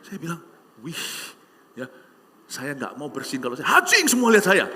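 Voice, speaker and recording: A man preaching a sermon, telling stories animatedly and acting out voices with shouts and hushed asides. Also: fairly high pitch, huge pitch swings, normal speed, background noise. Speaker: pastor. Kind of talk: sermon with storytelling.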